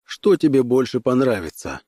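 A male audiobook reader voicing a gruff, hardened barbarian warrior who barks curt commands. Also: mid-range voice, big pitch swings, moderate pace, warm tone, no room sound, studio quality, pitched above the performer's own voice. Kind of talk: audiobook character voice.

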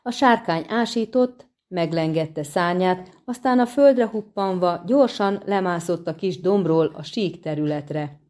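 A woman reading a fantasy novel aloud as an audiobook narrator, in steady, even storytelling. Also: fairly low pitch. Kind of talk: scripted narration.

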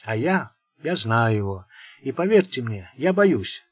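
A man's voice: mid-range voice, sing-song, measured pace, breathy edge, no room sound, highs cut off. A man voicing a bitter, sardonic Italian gangster who rambles nervously. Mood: anxious. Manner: sarcastic, venomous.

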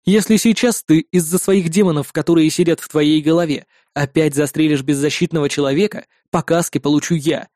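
A man's voice: a little high, fairly even intonation, brisk, hardly any pauses, a little mellow, no echo, clean studio sound, close to an everyday voice. A man voicing an exasperated young woman. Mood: scolding. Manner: curt, exasperated, scolding. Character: sharp-tongued young woman partner, irritable.

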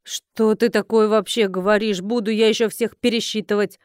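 A woman's voice: medium pitch, steady tone, moderate pace, darkish tone, no room sound, natural voice. Stingy middle-aged innkeeper woman, grumbling and indignant, voiced by the female narrator; dry studio read. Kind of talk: audiobook character voice.

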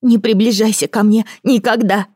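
A woman acts out an enraged child monarch for an audiobook, his voice pitched high and pushed loud. He shouts in hysterical bursts, and the sound is dry with no room around it. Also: normal speed, no echo, natural voice. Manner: shouting, sobbing commands. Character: young boy king, angry and hysterical.

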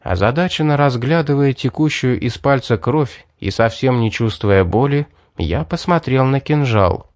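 A man reading a first-person fantasy audiobook in an even, measured narrating voice. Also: mid-range voice, no echo, studio quality.

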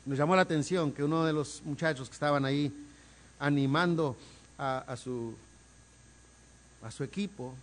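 A man preaching a sermon as pastor, swinging from quiet asides to loud, emphatic calls and repeating words for emphasis. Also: on the high side, moderate pace, pauses often.

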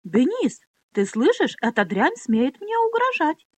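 Brief: woman reader doing a spiteful noble girl, shrill and high, sneering storybook villainess. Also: big pitch swings, normal speed, dry recording.

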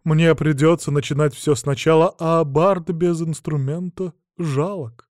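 A man voicing a timid male bard in an audiobook, talking slowly and pleadingly. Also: fairly high pitch, fairly even intonation, a little mellow, dry recording, clean studio sound, pitched above the performer's own voice, close to an everyday voice. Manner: slow, pleading.

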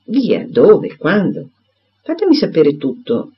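A man reading aloud and voicing a quick, spirited young gentlewoman who fires off exclamations and questions. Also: fairly high pitch, wildly swooping pitch, slightly rough, full character voice. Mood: flustered. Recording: dull lo-fi recording.

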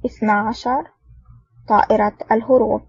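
A woman narrating an audiobook in a steady storytelling manner. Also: fairly high pitch, moderate pace, husky, no room sound, far from the mic. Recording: dull lo-fi audio.

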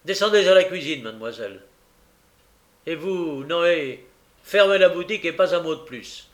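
Storybook figure: man playing a booming, self-important beadle, raised pitch. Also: lively intonation, normal speed, natural voice. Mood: pompous. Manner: pompous, scolding, booming. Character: pompous indignant parish beadle, middle-aged man.

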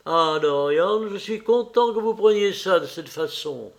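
A man's voice: high voice, unhurried, creaky, pitched above the performer's own voice. A man reading an audiobook voices a witty, worldly English aristocrat with a languid, ironic drawl. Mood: teasing.

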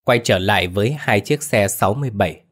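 Man, ghost story narration, folksy, slightly low pitch. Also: quick pace.

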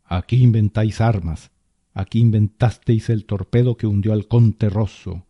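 A man's voice: lowish voice, steady tone, moderate pace, dry recording, muffled recording. Man reading as a guttural vengeful spirit. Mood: menacing. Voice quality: thick, guttural voice. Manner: menacing, taunting. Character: vengeful collective spirit of drowned souls possessing a small boy.

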